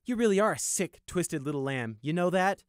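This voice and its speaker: A man voicing a brash, righteous male unicorn guard in an audiobook, cocky and quick to indignation. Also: high-pitched, expressive, no echo, studio quality, pitched above the performer's own voice. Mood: outraged.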